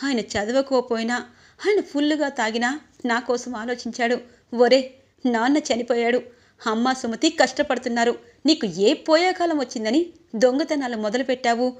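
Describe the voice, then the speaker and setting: A woman voicing a fierce young married woman who scolds loudly and indignantly in a storybook retelling. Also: fairly high pitch, normal speed, natural voice.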